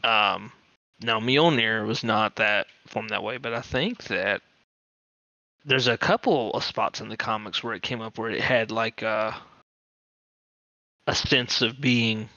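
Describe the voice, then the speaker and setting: A man's voice: on the low side, no room sound, dull audio. A man co-hosting a podcast, chatting casually and eagerly about comic book stories. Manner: excitable fan, talks fast with many fillers. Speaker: podcast co-host. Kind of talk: casual chat.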